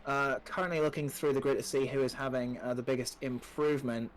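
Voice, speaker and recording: A man's voice: medium pitch, fairly even intonation, fast talker, slight background noise, rough recording. A man commentating a live sim racing stream, chatty and promotional with many fillers. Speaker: race commentator.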